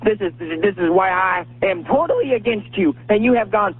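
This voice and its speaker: Male caller, preachy, stammering, high voice, husky, tinny phone line. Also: expressive, normal speed. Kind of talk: ranting phone call to a radio show.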